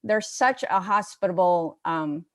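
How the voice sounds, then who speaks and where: A woman's voice: lowish voice, animated, measured pace. A middle-aged woman from the United States, chatting casually as a guest on a comedy show, rambling with fillers and restarts. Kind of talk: casual chat.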